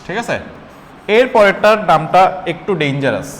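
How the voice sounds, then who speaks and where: A young man teaching a biology class, repeating terms slowly and quizzing his students. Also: fairly high pitch, big pitch swings. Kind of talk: classroom lecture. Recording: echoey room, faint ambience.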